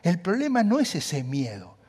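Pastor guy preaching, lively up-and-down voice, talks right to the crowd. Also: sits high, normal speed, slightly rough. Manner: animated, emphatic, conversational asides. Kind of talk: sermon.

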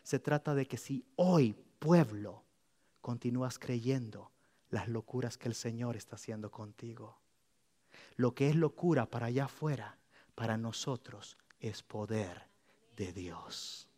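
A man preaching a sermon as pastor, lively and playful, speaking straight to his congregation while leading them on a walk. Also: medium pitch, a little slow. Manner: lively, addresses the congregation directly, playful asides; leads the congregation walking around the room.

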